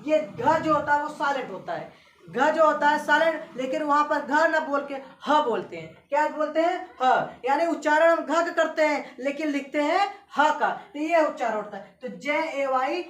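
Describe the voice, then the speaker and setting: Woman teacher, high voice, classroom lesson, repeats checks on understanding, spells letters out slowly, recorded from far off. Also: animated. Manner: repetitive, keeps checking students understand. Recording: echoey room from far off, faint hiss.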